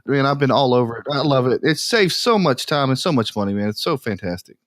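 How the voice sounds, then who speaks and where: A man's voice: mid-range voice, expressive, fairly quick. A man hosting a trades podcast, an HVAC worker talking enthusiastically about a tool he loves. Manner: enthusiastic, says "man" a lot. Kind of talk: casual podcast chat.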